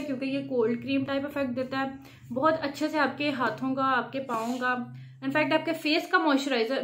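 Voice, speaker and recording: Chatty high-voiced woman beauty vlogger. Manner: chatty, instructive, frequent "theek hai" check-ins. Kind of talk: casual how-to vlog.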